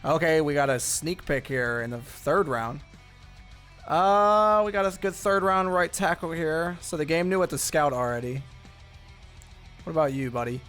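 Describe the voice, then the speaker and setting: A young man talks his way through a football video game in a loose, rambling way, full of fillers and restarts. His voice sits a little higher than most men's. Faint guitar music plays quietly under him. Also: moderate pace. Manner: rambling, thinking aloud with many fillers. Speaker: gaming YouTuber. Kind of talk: casual gameplay commentary.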